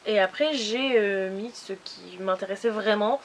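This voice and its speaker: A woman's voice: medium pitch, unhurried, slight background noise. A woman chatting casually in a haul video, rambling with many fillers and restarts. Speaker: beauty vlogger.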